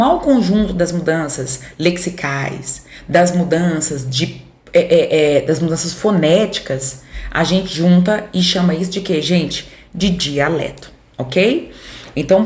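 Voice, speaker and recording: A Brazilian woman with a Center-West accent teaches a grammar lesson in a lower voice that rings around an echoey room. She explains each point patiently, stopping to check that her students are following and answering their imagined questions. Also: measured pace, darkish tone. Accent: Brazilian Portuguese, Center-West.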